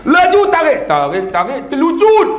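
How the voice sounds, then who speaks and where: High-voiced joking northern Malaysian preacher. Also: male voice, wildly swooping pitch, moderate pace. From northern Peninsular Malaysia. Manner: jokey, quizzes the audience, mimics regional dialects. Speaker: religious lecturer. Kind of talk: humorous religious talk. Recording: echoey hall.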